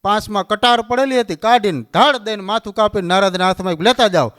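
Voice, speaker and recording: A man's voice: high-pitched, fairly quick, a bit bright. A man with a Kathiawadi Gujarati accent giving a storytelling sermon, acting out the dialogue of the figures in the tale. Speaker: religious speaker.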